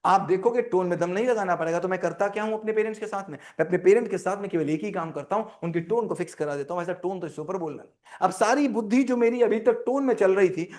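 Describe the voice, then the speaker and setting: A man coaching parents in an online class, lively and full of rhetorical questions, acting out parents' scolding. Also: high-pitched.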